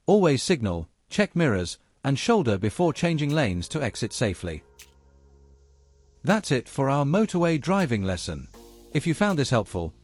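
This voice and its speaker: A man presenting a driving lesson in a scripted, instructional narration, explaining each point in a measured way and addressing learners directly. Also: medium pitch.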